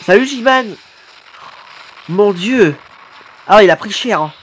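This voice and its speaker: A man commenting live on videos his subscribers made, excitable and quick to exclaim and swear. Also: high-pitched, slight background noise. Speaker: YouTuber reacting to fan animations.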